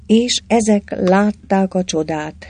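An audiobook reader narrating an adventure novel with lively, expressive delivery. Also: medium pitch, dry recording. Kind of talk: storybook reading.

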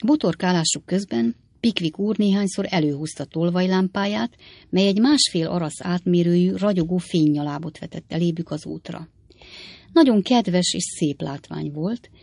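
A woman narrating an audiobook in a measured storytelling manner. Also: fairly low pitch, gravelly, mellow, no echo.

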